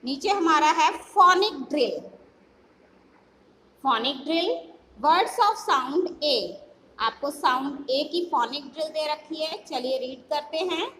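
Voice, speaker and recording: A woman's voice: high-pitched, fairly bright tone, in a large hall, slight background noise, rough recording. A woman teacher with an Indian English accent, drilling phonics for small children, spelling each word letter by letter before saying it. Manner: spells words letter by letter, then says each word slowly. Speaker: school teacher.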